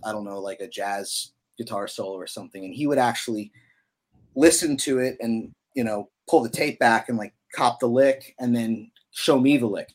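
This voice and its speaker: A young man, a musician guest on a podcast, telling a story in a casual, animated way with lots of "you know". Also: mid-range voice, moderate pace.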